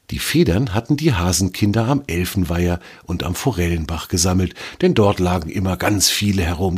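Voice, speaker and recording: A man reading a children's story aloud in a calm, even storytelling manner. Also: deep voice, husky.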